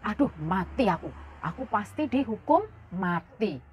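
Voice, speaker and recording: A woman's voice: mid-range voice, sing-song, unhurried, darkish tone, lo-fi sound, slight background noise. A woman voicing a terrified male prison warden in a children's Bible story, speaking his frantic thoughts. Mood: panicked. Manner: frantic inner monologue inside a story.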